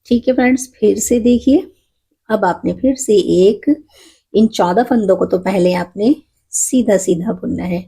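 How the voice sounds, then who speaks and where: A woman's voice: mid-range voice, unhurried, gravelly, warm tone, breathy edge. A woman with a cold teaching a knitting tutorial, patiently counting stitches aloud and explaining each step. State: has a cold, voice a bit rough.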